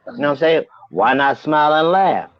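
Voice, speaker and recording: A man's voice: fairly high pitch, animated, brisk. Laughing, profane man on a dull line. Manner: profane, laughing, repeats "you know what I'm saying". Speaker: band member guest. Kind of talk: casual storytelling chat.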